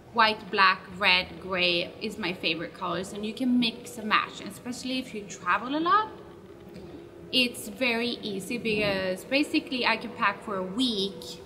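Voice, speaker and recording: Answering fan questions in a loose, rambling vlog, this talkative web show host, a native Swedish speaker, keeps stopping to fix her own wording. The mic is distant, her medium-pitched voice set back with noticeable background noise.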